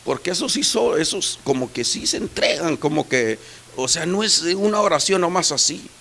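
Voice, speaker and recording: Man, pastor's sermon, gravelly raised voice, soft asides then shouted peaks. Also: a little high, lively intonation, normal speed, slight background noise.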